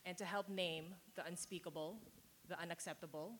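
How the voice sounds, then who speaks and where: A woman speaks as a community organizer on a panel. Her voice sits fairly low, and she talks in a measured, emphatic way. Faint background noise runs under her words. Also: steady tone, fairly bright tone. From Philippines. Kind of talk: panel talk.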